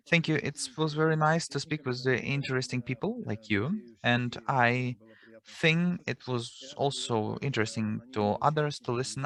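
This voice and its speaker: A man working as a live simultaneous interpreter at an online seminar, rendering the speakers into English over a video call. He talks haltingly, with restarts and self-corrections as he keeps up. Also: mid-range voice, fairly bright tone.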